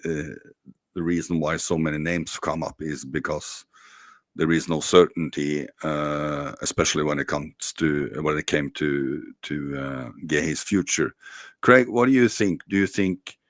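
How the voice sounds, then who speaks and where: A man's voice: very deep voice, unhurried, no room sound, studio quality. A man hosting a casual football chat, asking long questions with many hesitations. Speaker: podcast host.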